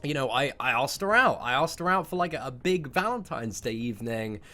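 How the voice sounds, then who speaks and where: A YouTube content creator in his twenties tells viewers a personal story, rambling casually, swearing, and repeating words for emphasis. His medium-pitched voice is expressive and brisk, with a sharp tone.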